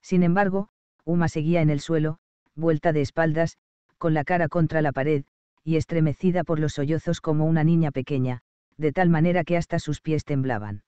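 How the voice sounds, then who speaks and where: A man narrating an audiobook in a measured, expressive storytelling manner. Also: fairly high pitch, smooth, no echo, highs cut off.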